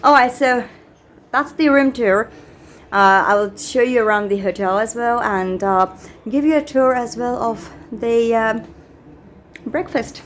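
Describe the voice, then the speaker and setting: A woman narrates a casual handheld vlog as she tours a hotel. She speaks slowly and haltingly, in an unscripted, chatty way. Faint ambient noise of the hotel sits behind her voice. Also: on the high side. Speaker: vlogger touring a hotel. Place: small hotel room, later the hotel lobby, corridors and elevator. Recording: noisy handheld recording with background ambience.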